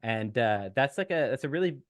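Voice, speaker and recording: A man's voice: mid-range voice, animated, fairly quick, dry recording, clean studio sound. A man speaking as a guest nutrition expert in a casual podcast interview, explaining in a technical way with frequent fillers.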